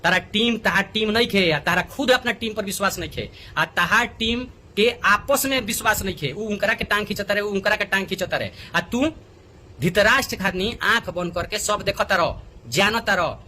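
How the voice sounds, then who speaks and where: With a Bhojpuri accent, a man makes an agitated, indignant plea straight to the viewer in a video, repeating himself for emphasis. His voice is high and sharp at a normal speed, with slight background noise.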